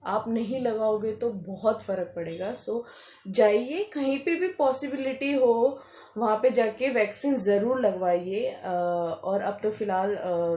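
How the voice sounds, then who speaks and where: A woman's voice: medium pitch, dark tone. A young woman from Uttarakhand chatting casually to camera as a vlogger, full of fillers and breaking into laughter as she tells a story. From Uttarakhand, India.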